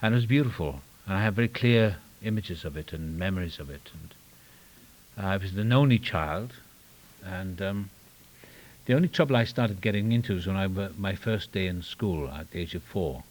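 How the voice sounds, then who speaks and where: In a low-quality recording, an older Welsh man speaks at a moderate pace, animated, his deep voice a little mellow. Standing up at a recovery meeting in a meeting room, he tells his own story with wry self-deprecation, rambling through restarts and trailing tangents.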